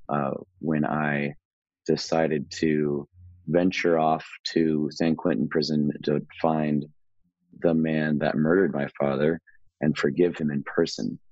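Very deep-voiced man telling a story. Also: a little mellow, no room sound, dull audio. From Hawaii. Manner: laid-back, slangy, rambling with fillers and laughs. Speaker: guest musician. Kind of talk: casual storytelling interview.

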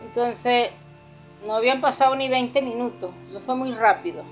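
A woman's voice: fairly high pitch, moderate pace, faint music behind. A middle-aged woman with a Venezuelan accent giving an earnest, heartfelt personal testimony in church. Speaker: pastor's mother-in-law giving a testimony.

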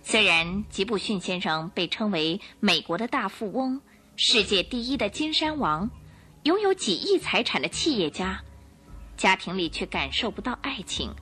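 A woman with a husky, medium-pitched voice narrates a scripted radio drama, telling the story in a dramatic, expressive way.

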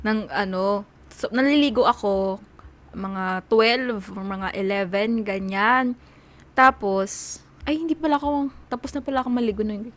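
A woman's voice: mid-range voice, measured pace, a bit bright. A young woman casually telling a story to friends, rambling with lots of fillers and swearing. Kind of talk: casual chat.

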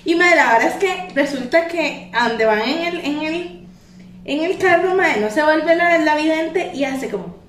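A young woman with a Costa Rican accent chatting as a podcast co-host, telling gossip in slangy, animated style. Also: high-pitched, a little slow, a little hiss or hum. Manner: slangy, animated storytelling with giggles. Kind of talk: casual gossipy chat. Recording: roomy, echoey, distant from the mic.

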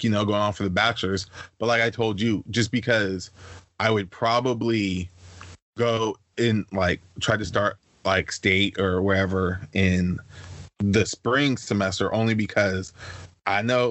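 Young guy on a podcast, chatty storyteller, does high silly voices for people, dry close mic. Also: no room sound. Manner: animated storyteller, acts out voices in high pitch. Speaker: podcast co-host. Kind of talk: casual chat.

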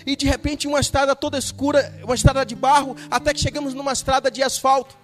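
Brief: Brazilian male pastor, very high voice, animated sermon storytelling, soft guitar underneath. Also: fast, long reverb tail. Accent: Brazilian Portuguese. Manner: animated storytelling, acting out dialogue.

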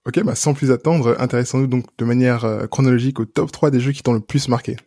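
A man's voice: mid-range voice, steady tone, fast talker, mellow. A man hosting a video game podcast, introducing a guest and asking questions with some fillers. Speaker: podcast host. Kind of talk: podcast interview.

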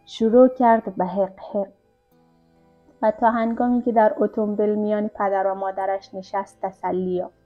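A woman reading a literary novella aloud as an audiobook narrator, in a calm, even storytelling manner. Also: mid-range voice. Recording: dull lo-fi recording with faint music.

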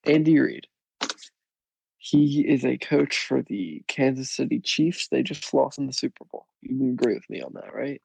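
A teenage boy co-hosting a podcast, cracking teasing deadpan jokes. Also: medium pitch, normal speed, vocal fry, slight background noise, rough recording. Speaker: podcast co-host. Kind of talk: casual chat.

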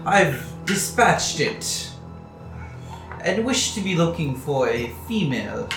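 A man voicing a sinister male slave buyer who talks in a slow, measured, menacingly polite way. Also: fairly high pitch, big pitch swings, full character voice. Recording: echoey room with music behind.

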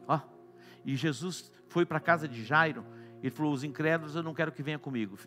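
Brazilian guy preaching, bright tense voice, kinda high for a man, goes loud then hushed. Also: fairly quick, faint music behind. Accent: Brazilian Portuguese. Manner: swings between loud exclamations and soft hushed lines. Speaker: apostle preaching. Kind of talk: sermon.

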